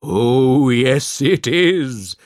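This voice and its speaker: A man voicing a solemn, commanding male djinn spirit in a storybook reading, speaking slowly and sternly. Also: medium pitch, expressive, no echo, studio quality. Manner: slow, stern, deliberate.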